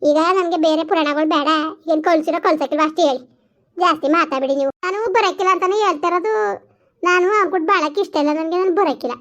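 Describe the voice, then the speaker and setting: Woman as a village woman in a feud: very high voice, rapid scolding, argumentative. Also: fairly even intonation, fairly bright tone, muffled recording. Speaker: village family drama actor. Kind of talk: village family drama dialogue.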